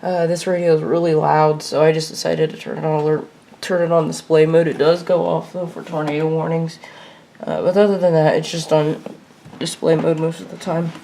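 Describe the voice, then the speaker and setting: Sitting low with vocal fry and a mellow tone, a woman video creator shows off her radio collection in a casual, unscripted, matter-of-fact show-and-tell. It was recorded indoors at home, with a little hiss or hum.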